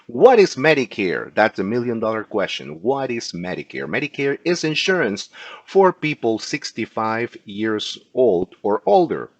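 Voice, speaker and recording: Teaching a class in a casual video, a male insurance agent with a Peruvian Spanish accent, Spanish being his first language, keeps closing sentences with "okay?". His fairly low voice swings widely in pitch at a measured pace, recorded dry.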